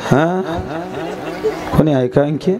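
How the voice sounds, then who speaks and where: A man's voice: fairly high pitch, slow, creaky. A man with a Marathi accent giving a comic devotional kirtan, joking with and quizzing the audience and breaking into song. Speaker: kirtan preacher. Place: live stage before a crowd. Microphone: stage microphone. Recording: live crowd and accompanying music. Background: crowd laughter and music.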